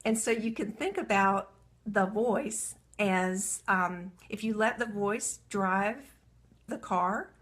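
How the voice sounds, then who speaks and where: A woman's voice: mid-range voice, slow pace, fairly bright tone. A woman coaching women entrepreneurs in a live video talk. She is earnest and self-reflective, and walks listeners through a writing exercise while reading aloud from her journal.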